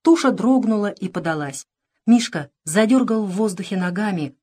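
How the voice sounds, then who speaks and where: Lady reading a kids adventure book out loud, dramatic, gets louder on the tense bits. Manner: dramatic, raising pitch and volume for shouted dialogue. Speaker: audiobook narrator. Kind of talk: audiobook narration with voiced dialogue.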